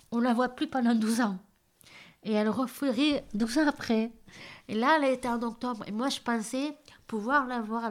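Hesitant woman with a southern French accent. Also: fairly high pitch. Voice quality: hard of hearing, lipreads. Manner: hesitant, many fillers and restarts. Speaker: interviewee. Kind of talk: casual interview.

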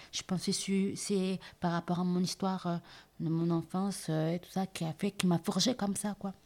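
Soft, hesitant woman in her thirties. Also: fairly low pitch. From southern India, raised in France. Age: 30s. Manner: hesitant, many fillers and restarts, soft-spoken. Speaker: interviewee. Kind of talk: personal testimony.

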